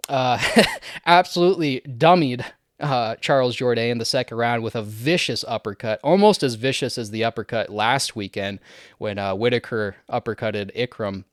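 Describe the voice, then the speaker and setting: Young canadian guy chatting about fights, lots of uhs and laughs, smooth clean voice, dry close mic. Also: mid-range voice, dry recording. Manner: chatty, laughs often, many fillers. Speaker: MMA fight commentator. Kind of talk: casual fight breakdown.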